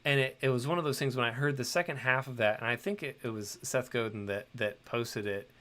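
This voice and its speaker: A man's voice: mid-range voice, a little fast, pushed and bright. A middle-aged man hosting a livestream, chatting loosely with many ums and restarts while he draws. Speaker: host and illustrator. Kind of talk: livestream chat while drawing.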